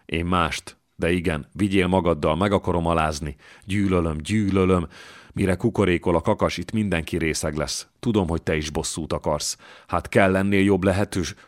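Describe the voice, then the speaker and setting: A man's voice: deep voice, steady tone, lightly acted. A man reading an audiobook voices a humiliated young bride who pleads in an urgent whisper. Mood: desperate.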